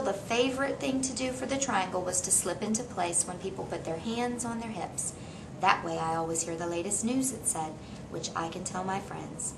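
A middle-aged woman teaching kindergarten reads a storybook aloud to a young child, encouraging them and prompting with questions. Her mid-range voice carries vocal fry. Recorded by a camera mic a few meters away in a small, noisy indoor reading corner.

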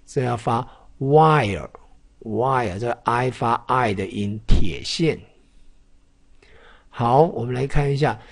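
A man teaches English phonics at a very unhurried pace. He spells out each word letter by letter and says it again and again. His voice is mid-pitched and a little husky. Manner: slow, repeats words many times, spells out letters. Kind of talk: classroom-style phonics lesson.

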